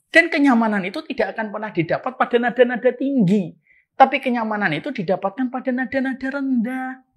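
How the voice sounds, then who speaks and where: A woman giving an Islamic sermon, shifting between soft low passages and sharp louder points. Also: breathy edge. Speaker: preacher.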